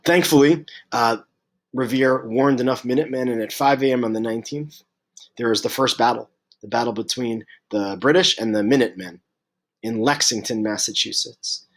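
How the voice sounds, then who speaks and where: Sick and clearing his throat, a mid-range-voiced man works haltingly through a history lesson. He stumbles over plenty of fillers and keeps restarting his sentences.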